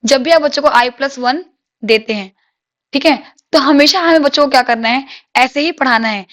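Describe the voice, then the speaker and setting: Woman teacher with a high voice, drills exam questions and answers them herself. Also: a bit bright. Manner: reads English questions slowly, explains in Hindi with rhetorical questions. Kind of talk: exam-prep lecture.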